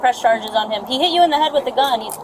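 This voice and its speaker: A female police officer takes a statement outdoors and asks brisk, direct questions. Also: sits high, animated, background noise. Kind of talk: taking a statement. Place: outdoors by a road. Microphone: body camera.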